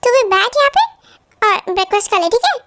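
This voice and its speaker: A caring middle-aged mother soothes her children in a fan-dubbed drama, voiced by a performer. The voice is very high. She sounds gentle and motherly. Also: big pitch swings, brisk, background noise, full character voice. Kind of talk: fan dub drama acting.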